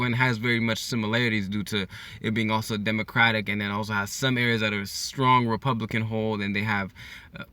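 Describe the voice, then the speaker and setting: Animated young man ranting with a bright voice. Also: fairly low pitch. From California. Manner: animated, repetitive, slangy, keeps asking "okay?". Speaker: YouTuber vlogging his opinion. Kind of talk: casual opinion vlog rant.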